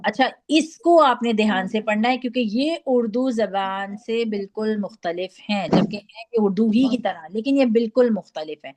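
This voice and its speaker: A woman's voice: on the high side, few pauses, darkish tone. A woman teaching Quran recitation, patiently modelling each letter sound for students to repeat. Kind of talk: online tajweed lesson.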